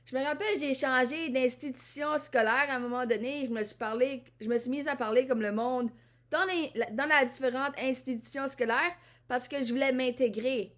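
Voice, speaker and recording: Talking to the camera, this Ottawa, Canada woman keeps a high pitch, fairly even intonation, and a moderate pace. She is a vlogger whose introspective, rambling monologue is full of repeated and restarted phrases.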